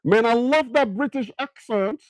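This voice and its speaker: This middle-aged Nigerian man, speaking with a Nigerian accent, hosts a casual livestream, repeatedly throwing questions at viewers and slipping into pidgin. His voice is very high-pitched and a little slow, recorded with no echo.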